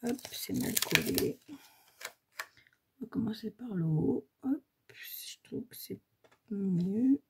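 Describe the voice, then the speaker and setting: Slow and pausing often, a fairly high-pitched woman's voice with lively intonation leads a casual step-by-step paper craft tutorial from her home workshop, with a little hiss or hum in the audio. She's in her 40s to 60s, has a granddaughter, and has a slight cold. She chats, thinks aloud, and peppers her talk with "hop" and "voilà."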